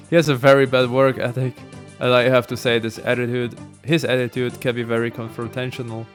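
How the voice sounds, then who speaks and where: A pompous ship captain , read aloud by a man, plays the grudging host in a formal, stiff way. The voice sits at a middling pitch. Faint game music runs behind him. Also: little pitch movement, fairly quick, close to an everyday voice.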